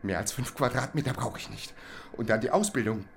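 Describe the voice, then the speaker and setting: A man's voice: mid-range voice, a little fast, creaky, natural voice. An actor playing a lonely, anxious young man who talks to an imagined inspector and breaks into pained groans. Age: young adult. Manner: anxious monologue, groaning in pain.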